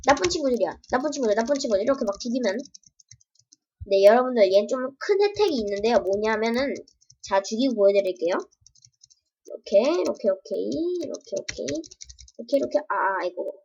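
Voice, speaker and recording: A woman's voice: a little high, darkish tone, breathy edge. A woman demoing her own game with casual, playful commentary, full of sound effects and yelps. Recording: dull lo-fi home recording.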